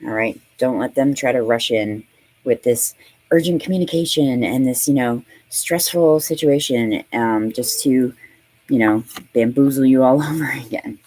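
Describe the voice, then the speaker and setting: A woman's voice: rumbling low, moderate pace, a little mellow, dry recording, rough recording. A woman in her late thirties gives a casual tarot reading in a loose, conversational way. She swears freely, laughs often and fills her talk with "um" and "you know". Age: 30s. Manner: chatty and profane, laughing often, full of fillers. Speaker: tarot reader.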